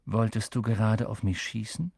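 A man giving voice to a melancholy centaur who speaks slowly and in riddles, a little raised and gravelly. His husky tone sits close and dry. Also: mid-range voice, animated, mellow, no echo. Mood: solemn. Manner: slow, solemn, evasive. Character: melancholy male centaur, slow and cryptic. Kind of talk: audiobook character voice.

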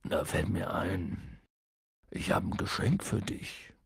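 A man's voice: low-pitched, slow pace, creaky, husky, no echo, clean studio sound, voice pushed down, exaggerated voice. A man voicing a huge tearful half-giant. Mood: gentle, quiet. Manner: sobbing, remorseful, then gentle and mumbled. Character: huge tearful half-giant groundskeeper, gruff and soft-hearted. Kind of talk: audiobook character voice.

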